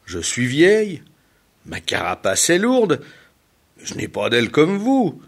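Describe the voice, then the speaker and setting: A man's voice: fairly high pitch, wildly swooping pitch, slow pace, pitched above the performer's own voice, full character voice. A man voicing an old, grumpy female tortoise in a storybook tale, complaining indignantly.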